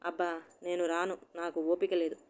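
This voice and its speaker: A woman's voice: medium pitch, steady tone, moderate pace, clear, resonant tone, lightly acted. Woman reading as a peevish middle-aged housewife. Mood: irritable. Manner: sharp, peevish complaining.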